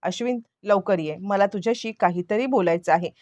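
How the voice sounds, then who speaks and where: A woman's voice: mid-range voice, normal speed, darkish tone, no echo, lo-fi sound, close to an everyday voice. A woman voicing a stern man who confronts his younger brother urgently and gives him orders.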